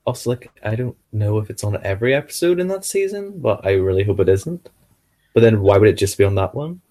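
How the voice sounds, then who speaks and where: A man co-hosting a casual podcast chat, playful with quick gasping reactions and laughs. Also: fairly low pitch, expressive, dark tone. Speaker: podcast co-host.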